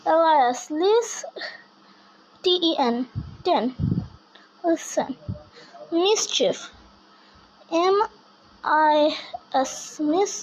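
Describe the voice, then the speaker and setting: A woman's voice: very high voice, lively intonation, extremely slow, pauses often, darkish tone, low-quality recording. A woman teaching English syllables, spelling words out letter by letter. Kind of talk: home-made language lesson.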